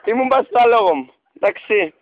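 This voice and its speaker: A man with a Cypriot Greek accent pleads and rambles theatrically through a radio prank call, cooing pet names. His voice is high and swings widely in pitch. The sound is dry and slightly dull, as from a radio recording. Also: animated, dry recording.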